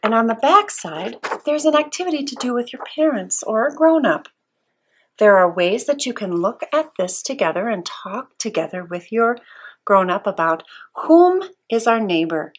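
Her voice fairly high and full of big pitch swings, a Sunday school teacher patiently and sweetly walks young children through a Bible lesson, asking simple questions with pauses.

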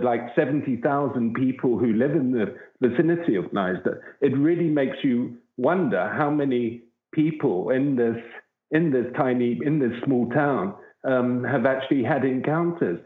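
Man on an echoey phone line. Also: medium pitch. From southern Africa. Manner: earnest, rambling anecdotal telling. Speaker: wildlife researcher, guest. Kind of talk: storytelling in an interview. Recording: tinny phone-like line with echo.

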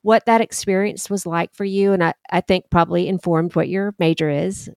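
A woman's voice: on the low side, fairly even intonation, normal speed, vocal fry, a little mellow, no room sound. A woman hosting a podcast, asking questions and giving brief encouraging replies. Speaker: podcast host. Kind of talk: interview questions.

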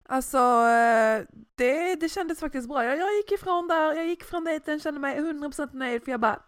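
A young woman chatting casually, telling a story with lively acted-out quotes. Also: high voice, no echo, studio quality. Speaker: podcast co-host. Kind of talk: casual chat.

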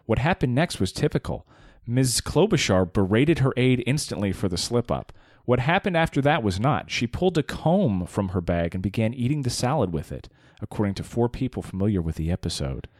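A man's voice: medium pitch, big pitch swings, brisk, darkish tone, no room sound, clean studio sound. A man in casual podcast chat who reads a news story aloud and then argues with it skeptically, swearing freely.

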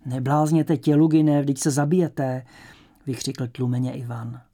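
A man voicing an anxious, cautious young male prisoner who speaks urgently, with a gravelly husky voice. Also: mid-range voice, dark tone. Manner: urgent, worried.

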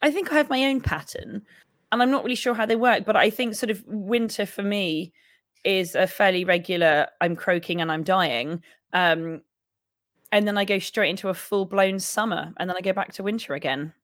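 A young woman co-hosting a podcast, with a croaky, husky voice, chatting and laughing as she rambles. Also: medium pitch, normal speed, a bit bright, no echo, clean studio sound. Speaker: podcast co-host. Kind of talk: casual podcast chat.

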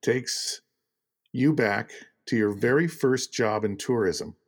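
Husky-voiced man hosting a podcast. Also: medium pitch, slow. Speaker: podcast host. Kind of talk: interview hosting.

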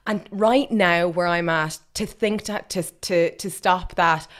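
Emphatic Irish Midlands woman, slightly low voice. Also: takes it slowly. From Westmeath, Ireland. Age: 30s. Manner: emphatic, repeats words for stress. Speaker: podcast guest. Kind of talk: candid conversational interview.

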